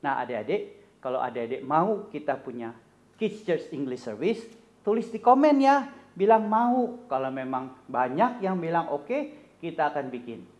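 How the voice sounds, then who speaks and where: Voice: medium pitch, big pitch swings, normal speed, darkish tone. A children's church teacher hosting a kids' service, cheerful and coaxing, talking straight to the children, in a slightly dull recording. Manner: cheerful, coaxing, addresses the kids directly.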